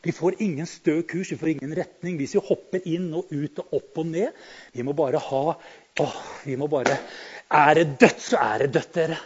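A man preaching a sermon who talks to the congregation directly and swings between quiet musing and loud, fervent exclamations. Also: on the high side, husky, highs cut off. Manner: conversational, addresses the congregation directly.

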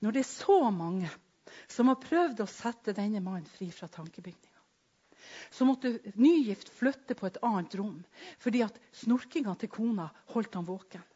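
A woman preaching a sermon with emphasis, swinging between loud declarations and hushed storytelling. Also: medium pitch, expressive. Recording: dull lo-fi recording.

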